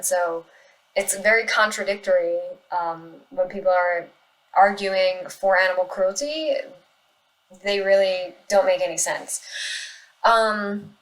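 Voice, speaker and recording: A woman giving casual spoken commentary in response to online comments, arguing insistently and earnestly, with halting pauses as she looks for her words. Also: medium pitch, rough recording. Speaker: animal rights activist responding to comments.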